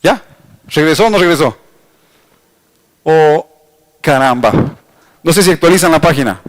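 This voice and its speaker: A middle-aged Ecuadorian pastor with a bright, high-pitched voice teaches his congregation. He speaks with an Ecuadorian accent, talks to the people directly, and slows right down when he spells out a word. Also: lively intonation. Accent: Ecuadorian Spanish. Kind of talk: teaching sermon. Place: church hall.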